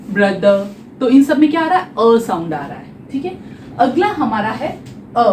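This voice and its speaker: A woman's voice: fairly high pitch, a little hiss or hum. A woman teaching a phonetics lesson for exam preparation, explaining step by step and asking her students rhetorical questions. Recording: echoey room, voice a little far from the mic.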